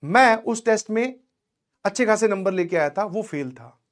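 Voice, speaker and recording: High-voiced man giving students a pep talk. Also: animated, normal speed. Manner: conversational, checks in with students often. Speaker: teacher.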